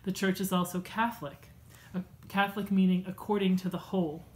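A woman in her thirties at home, reading a church class lesson from her notes in a measured, earnest way with a few fillers. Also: mid-range voice, little pitch movement, darkish tone, poor audio. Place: home room with bookshelves.

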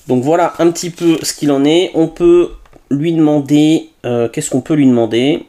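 A man's voice: on the high side, steady tone, normal speed, dark tone. Chatty man unboxing a gadget. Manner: chatty, with frequent "hop" and hesitations. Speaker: tech reviewer. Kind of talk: casual unboxing review.

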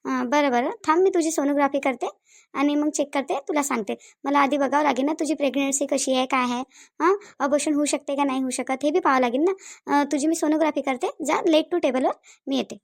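A soothing female doctor from a cartoon, voiced by a woman with a Varhadi Marathi accent. The voice sits high with a gravelly edge, and the recording is close and dry. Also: quick pace, dry recording. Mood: businesslike. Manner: soothing, repeats reassurances. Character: calm reassuring female doctor, middle-aged.

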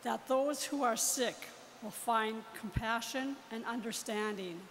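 A woman, a lector, reading the prayers of the faithful slowly and carefully in a large church. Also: fairly high pitch, a bit bright. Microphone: far camera. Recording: long church reverb, faint noise, far camera.

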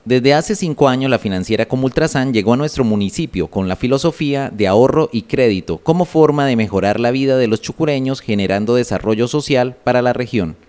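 A man reads a community news report, formal and even. His mid-range voice comes through smooth and clear. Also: mid-range voice, fairly quick, few pauses. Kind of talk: read news narration.

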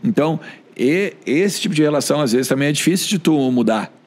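A man's voice: a little high, brisk, husky. A man with a Gaúcho Brazilian accent, a sports journalist telling stories casually on a podcast and acting out the voices of the people he quotes. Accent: Gaúcho Brazilian Portuguese. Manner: animated, acts out quoted voices.

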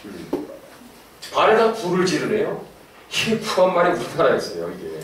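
A middle-aged man giving a lively lecture to an audience, with laughing asides and questions to his listeners. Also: fairly high pitch, moderate pace. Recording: echoey hall, from far off, faint noise.

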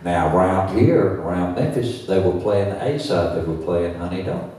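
A man's voice: deep voice, lively intonation, normal speed, warm tone. Folksy man telling stories in an echoey hall. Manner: folksy, acts out quoted voices, chuckles now and then. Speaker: featured storyteller. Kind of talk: live folksy storytelling. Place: live performance in a storytelling venue. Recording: very echoey room, distant mic, faint hiss.

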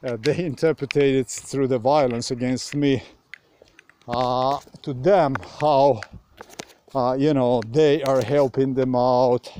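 A man from Slovenia speaking English, rambling through a halting monologue full of pauses and restarts while outdoors on a dark road at night, recorded on a handheld phone. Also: medium pitch, fairly even intonation, slight background noise. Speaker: vlogger.

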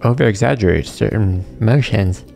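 A middle-aged man giving casual live gameplay commentary in a deadpan, unimpressed, dryly joking way. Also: fairly low pitch, normal speed, creaky, slight background noise. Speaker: game streamer. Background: video game sounds.

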